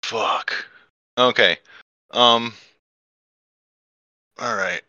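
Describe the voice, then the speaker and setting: A man's voice: mid-range voice, very slow, sharp tone, dry recording, lo-fi sound. A man playing a tabletop role-playing game, talking through his moves with fillers and the odd swear. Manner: hesitant, swears, many fillers. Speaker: player. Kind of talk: tabletop game play, casual.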